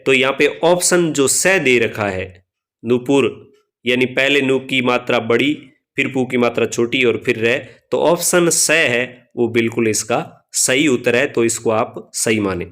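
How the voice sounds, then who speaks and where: A man's voice: medium pitch, a bit bright. Man walking through a quiz lesson. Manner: reads each question, then explains the options point by point; slows down to spell out letters and vowel signs. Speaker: Hindi grammar lecturer. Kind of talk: spoken quiz walkthrough lesson.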